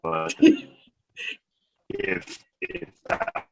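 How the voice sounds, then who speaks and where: A city councillor joins a committee meeting by remote call from his car, and his voice comes through as a glitchy, robotic, breaking-up signal in halting, fragmented phrases. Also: over music. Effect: glitchy, breaking-up robotic call audio. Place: in a car while driving. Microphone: remote call connection. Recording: muffled, glitchy call line.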